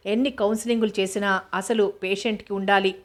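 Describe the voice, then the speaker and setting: A self-assured middle-aged doctor giving advice, voiced by a woman reading a novel. His delivery stays flat and even. He talks in a lecturing way. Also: medium pitch, brisk, lightly acted. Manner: lecturing, advising.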